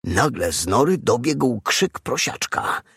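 A man reads a children's story aloud with a gravelly, husky voice. He takes his time, and his pitch swings widely as he dramatizes the tale. The sound is dry and close. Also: big pitch swings, slow, fairly bright tone, no echo. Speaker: audiobook narrator. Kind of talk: children's audiobook narration.

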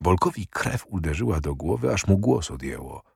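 A man narrating a historical novel in a measured, steady audiobook reading. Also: low-pitched, gravelly, slightly rough, no room sound, studio quality.

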